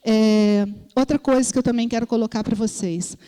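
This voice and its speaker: A woman's voice: fairly high pitch, fairly even intonation, moderate pace, mellow, smooth. Brazilian woman preaching in a reverberant hall. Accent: Brazilian Portuguese. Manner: storytelling, acts out voices in quotes; asks listeners "entendeu?". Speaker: lay preacher.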